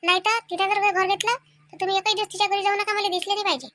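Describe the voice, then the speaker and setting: A woman voicing a sharp-tongued, quarrelsome village wife with a Vidarbha Marathi accent in a cartoon comedy. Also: very high voice, little pitch movement, very fast, no room sound. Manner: scolding, sarcastic.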